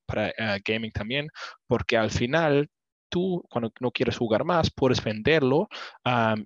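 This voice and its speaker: A man speaking learner's Spanish, halting and searching for words, mixing in terms as he explains ideas informally. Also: lowish voice, dry recording. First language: not a native Spanish speaker, learning it. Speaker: startup founder on a panel. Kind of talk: informal spoken pitch in hesitant Spanish. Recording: dull lo-fi audio, close and dry.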